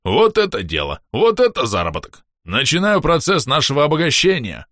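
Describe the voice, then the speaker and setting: A man voicing a greedy, excitable half-orc treasurer who shouts and haggles gleefully. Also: fairly high pitch, moderate pace, dry recording, clean studio sound, voice pushed up. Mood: excited.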